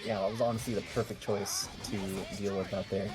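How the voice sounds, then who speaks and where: A man commentating a fighting game tournament, chatty in his analysis with bursts of loud excitement. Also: lowish voice, a little fast, over music.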